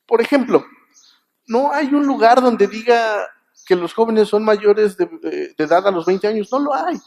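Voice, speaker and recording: A man's voice: high-pitched, animated, moderate pace, vocal fry, darkish tone. A man with a Mexican Spanish accent preaching a Sunday sermon in a church, talking conversationally, often restarting words and asking the congregation whether they agree.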